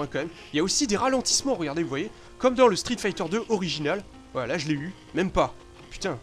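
A man with a fairly high voice commentates his own gameplay live. He swears freely, bursts out loudly and then drops to mutters. Faint game music plays behind him. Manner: excitable, swears often, sudden loud outbursts then mutters.

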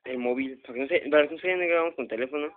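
Young male gamer, Mexican Spanish accent, high-pitched, foul-mouthed panicky commentary, phone-quality audio. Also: racing, slight background noise. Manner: swearing constantly, yelping in panic. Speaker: gamer host. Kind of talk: let's play commentary. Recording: tinny lo-fi phone recording.

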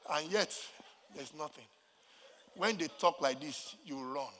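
Nigerian pastor preaching loud n dramatic, bright sharp voice, big echoey church. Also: male voice, fairly high pitch, slow pace. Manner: dramatic, swinging from quiet asides to shouted, sing-song preaching. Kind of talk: sermon.

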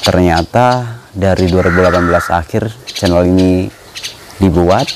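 A young man, chatting casually in his vlog as he tends his birds and coaxes them in a higher voice. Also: fairly even intonation, moderate pace. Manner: chatty, talks to birds in a coaxing voice. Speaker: vlogger and bird keeper. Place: outdoors among bird cages. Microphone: phone camera. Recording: noisy outdoor phone recording. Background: birds chirping.

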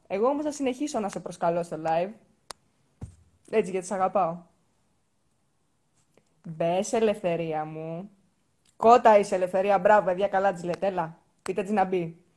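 A woman's voice: mid-range voice, long pauses, a little mellow. A woman hosting a casual live stream from indoors, teasing and coaxing viewers and guests on a phone mic. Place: indoors next to a heater.

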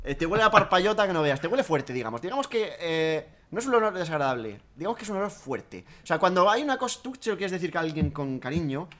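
A man's voice: fairly high pitch, big pitch swings, fast talker, hardly any pauses, fairly bright tone. A man from Spain hosting a casual comedic chat, rambling and joking with bursts of laughter. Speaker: podcast host.

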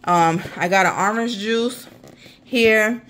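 A woman's voice: medium pitch, slow pace, a bit bright. A woman, chatting casually to viewers through a grocery haul vlog in her apartment kitchen. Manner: chatty, talks straight to viewers as y'all. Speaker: vlogger. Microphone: handheld phone camera.

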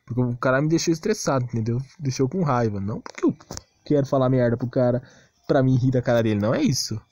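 A Brazilian man who makes gaming videos rants casually and unscripted over game footage, sounding defensive and exasperated. His voice is mid-range, fast and a little mellow, captured on a close, cheap-sounding mic with a dry, dull recording.

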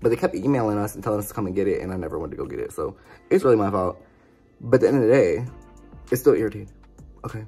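A woman's voice: a bass voice, expressive, racing, pauses often, mellow, breathy edge, faint music behind. A young adult woman vlogging in a casual, exasperated rant, swearing freely as she talks. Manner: profane, exasperated ranting. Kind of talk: casual ranting vlog.

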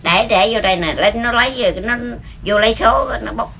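Elderly Southern Vietnamese woman, bright voice. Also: a little high, fairly quick, slight background noise. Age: 70s. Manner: short, plain answers. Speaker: lottery ticket seller. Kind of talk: casual interview answers. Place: outdoors at a makeshift home.

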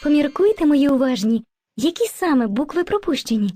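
A woman voicing a kind, patient female spirit of language who teaches children, gently coaxing them with endearments in an educational cartoon. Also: high-pitched, big pitch swings, fairly quick, faint music behind. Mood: gentle.

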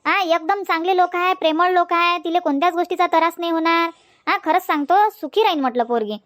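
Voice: very high voice, fast talker, a bit bright, dry recording, clean studio sound. A voice actor playing a village man who consoles the family, soothing and repetitive. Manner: soothing, repeats himself with "mhatla".

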